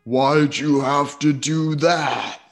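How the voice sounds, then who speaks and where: A man's voice: fairly high pitch, fairly even intonation, takes it slowly, creaky, faint music behind, voice pushed up. A man voicing a massive lion spirit in a tabletop game, a boastful, defensive forest king with a resounding, emphatic delivery. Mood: wounded, defensive.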